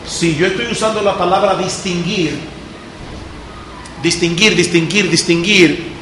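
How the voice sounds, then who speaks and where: A high-voiced man, a pastor, lectures a school class on public speaking and talks straight to his students. The sound is roomy and echoing, with clear background noise. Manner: lively teacher, addresses students directly. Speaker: pastor giving a guest talk.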